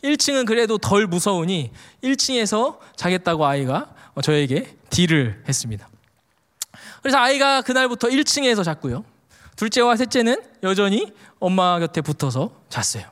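A man preaching a sermon through a personal family story, an animated storyteller who acts out quotes, with frequent "uh" fillers. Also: high-pitched, moderate pace. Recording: long reverb of a hall.

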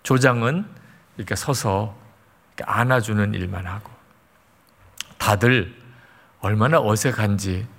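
A man with a gravelly voice preaches in a storytelling way, warmly emotive and at times sinking to a near whisper. His words ring out with a long hall reverb behind them. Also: lowish voice. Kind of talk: sermon storytelling.

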